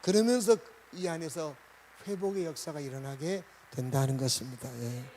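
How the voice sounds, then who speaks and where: A man preaching a Sunday sermon as pastor, asking the congregation questions and swinging between loud and soft. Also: fairly high pitch, moderate pace, a little hiss or hum, rough recording.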